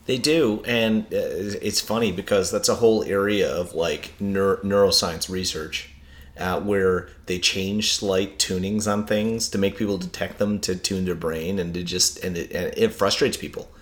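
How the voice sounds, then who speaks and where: A man with a very low voice talks casually on a podcast. He is animated and opinionated, and often pokes fun at himself. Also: normal speed. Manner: animated, self-mocking, opinionated. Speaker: podcast co-host. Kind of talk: casual chat about music.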